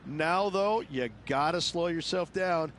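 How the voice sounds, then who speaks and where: A man's voice: on the high side, slow, a bit bright. A man giving enthusiastic colour commentary as an analyst in a golf video game. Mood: thrilled. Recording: faint crowd and outdoor noise.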